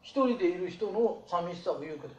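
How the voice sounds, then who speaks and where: A man giving life advice to a small group in blunt, rough, colloquial talk. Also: high voice, quick pace, roomy sound, highs cut off.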